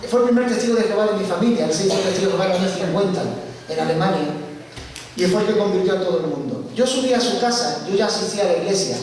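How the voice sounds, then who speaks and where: Man, church testimony, lively storyteller, fairly high voice, booming hall reverb, distant mic. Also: very fast. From Spain. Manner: animated storytelling, acts out quoted dialogue. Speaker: guest speaker giving testimony. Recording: echoey church hall from far off, faint hiss.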